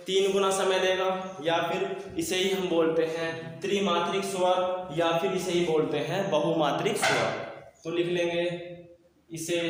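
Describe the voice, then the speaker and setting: A man's voice: high voice, slight background noise. Echoey Hindi teacher man at a board. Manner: explains slowly, repeats points for students to write. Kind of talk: classroom lecture. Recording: echoey room from far off.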